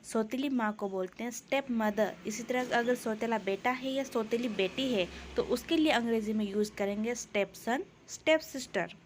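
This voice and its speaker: Hindi-speaking woman teaching English slowly. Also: on the high side, slight background noise. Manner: slow, careful model phrases in English. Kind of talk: spoken English lesson in Hindi.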